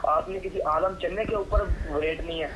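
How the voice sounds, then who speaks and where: A high, slightly bright voice with fairly even intonation comes through a noisy, dull phone line at a moderate pace. It belongs to a man with a Pakistani accent, a medicine supplier, who is exasperated and sarcastic in the conversation.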